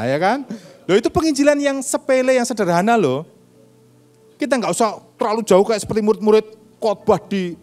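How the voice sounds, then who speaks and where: Older male pastor, lively storytelling sermon, fairly high voice, soft music under it. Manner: animated storytelling, acts out dialogue. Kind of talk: sermon with personal stories. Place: church.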